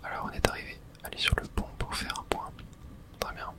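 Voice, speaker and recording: A speaker whispers softly and without voicing while playing through a video game for ASMR, reading out the lines of dialogue at a slightly quick clip.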